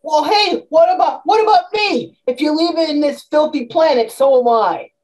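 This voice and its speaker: A woman's voice: sits high, normal speed, a little mellow, lightly acted. A woman playing a sly male convict underling with a wheedling, whiny manner.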